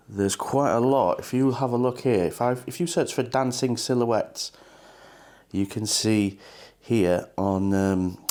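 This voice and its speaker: A man giving a relaxed, chatty watercolour painting demonstration, talking loosely with plenty of ums as he paints. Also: fairly low pitch. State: a bit shaky from coffee. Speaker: watercolour teacher.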